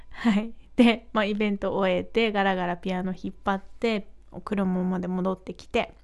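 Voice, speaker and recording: A young woman hosting her own podcast, casually telling a story in a chatty, animated way, acting out quoted lines and laughing often. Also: mid-range voice, normal speed, creaky.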